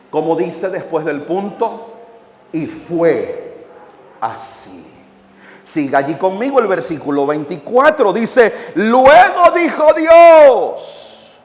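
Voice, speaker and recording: A high-voiced man preaching a sermon in a big, echoing church hall. He talks slowly, stretches his phrases, and makes the congregation say his lines back. His pitch swings widely between hushed words and shouted high points. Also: slight background noise. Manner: calls the congregation to repeat phrases; swings from quiet drawn-out phrases to shouted emphasis. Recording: echoey hall.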